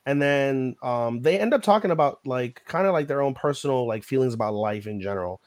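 A man's voice: mid-range voice, brisk. A man co-hosting a podcast, recapping an anime episode in casual chat, telling it animatedly and swearing freely. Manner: profane, animated storytelling. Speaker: podcast co-host.

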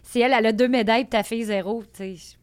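A woman's voice: on the high side, rapid-fire, clear, resonant tone. A woman in her thirties with a Québécois French accent, telling stories as a guest in a casual chat. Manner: animated, emphatic storyteller. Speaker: podcast guest.

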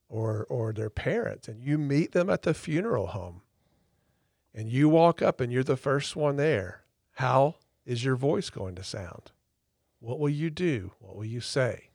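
A man's voice: mid-range voice, no echo. A man with a mid-range voice teaches therapy technique with conviction, repeating words to drive points home. His voice sounds dry and close, with no room around it. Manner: emphatic, repeats words for stress. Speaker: podcast co-host, therapist trainer. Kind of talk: teaching explanation.

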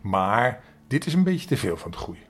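A man voicing a kind, fatherly old saint in a storybook, calm and gentle. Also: mid-range voice, normal speed, husky.

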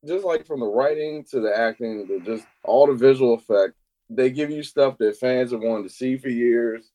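A man co-hosting a casual podcast chat, talking excitedly and swearing now and then. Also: mid-range voice, normal speed, poor audio. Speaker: podcast co-host.

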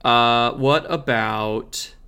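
A man of middle pitch co-hosts a podcast in casual chat. He sounds relaxed as he asks short questions and fills pauses with soft "um"s, steering the conversation forward. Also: gravelly, clean tone. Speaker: podcast co-host asking questions.

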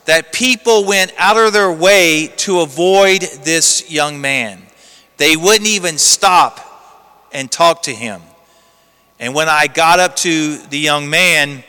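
A man's voice: on the high side, sharp tone, clear, resonant tone. A man, a priest, reading the gospel and giving an earnest storytelling homily, his voice carrying a cathedral echo. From United States. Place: large church. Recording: long church reverb.

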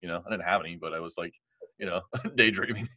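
Deep, bright-voiced man telling a story. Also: fast talker, no room sound, dull audio. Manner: animated, quotes others, many fillers like "like" and "you know". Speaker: guest telling his story. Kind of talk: casual storytelling.

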